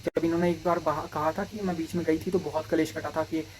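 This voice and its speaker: A man's voice: fairly high pitch, little pitch movement, brisk, a little hiss or hum, low-quality recording. Man rambling through a casual commentary. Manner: rambling, keeps checking with listeners.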